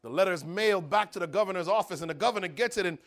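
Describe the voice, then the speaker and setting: High-voiced preacher telling a dramatic story. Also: male voice, racing. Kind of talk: sermon.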